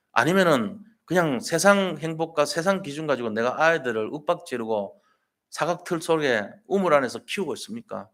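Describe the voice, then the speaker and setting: A male pastor delivers a Sunday sermon, his pitch rising and falling with lively energy. He retells stories in an easy, colloquial way and keeps pressing the congregation with emphatic rhetorical questions. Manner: colloquial, storytelling preaching.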